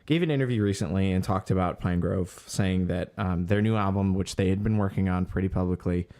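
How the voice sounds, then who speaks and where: A man's voice: sits low, fairly quick, darkish tone. A man co-hosting a casual podcast, going through music news with lots of ums and unfinished sentences. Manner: hesitant, many ums, trails off searching for words. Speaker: podcast co-host reading the news.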